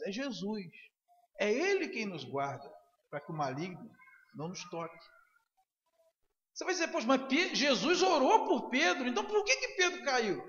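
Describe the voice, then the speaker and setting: High-voiced preacher in an echoey church. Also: male voice. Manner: dramatic storytelling, acting out quoted dialogue with big swings in loudness; asks the congregation for agreement with frequent "né?". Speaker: pastor. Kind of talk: sermon. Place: church sanctuary. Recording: muffled recording in an echoey hall.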